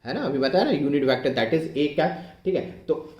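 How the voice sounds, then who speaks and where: A male physics teacher giving an online exam-prep lecture, explaining slowly and repeating himself, often asking whether it is clear and dictating English phrases word by word as he writes. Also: on the high side, animated, roomy sound, muffled recording. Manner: slow, repetitive, keeps asking if it is clear.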